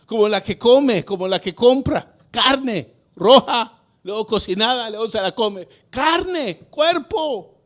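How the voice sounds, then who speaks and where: A man preaching as pastor of a church, putting questions to the congregation and swinging between quiet explanation and shouted emphasis. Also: extremely high pitch, expressive, slow pace. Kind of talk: Spanish-language sermon. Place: church sanctuary.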